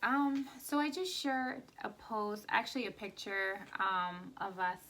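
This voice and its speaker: A woman in her thirties co-hosting a casual podcast with her husband, soft-spoken and chatty, with lots of fillers. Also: medium pitch, steady tone, unhurried, a little hiss or hum. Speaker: podcast co-host. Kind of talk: casual chat.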